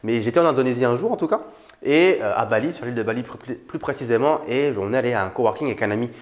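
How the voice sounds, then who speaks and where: A young man from France talks straight to his viewers in a quick, loose, familiar way. He rattles along at a brisk clip, dropping fillers as he goes, and his voice sits at an ordinary middle pitch. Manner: chatty and informal, addresses viewer familiarly, many fillers. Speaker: YouTuber on money and online business. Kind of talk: casual direct-to-camera talk.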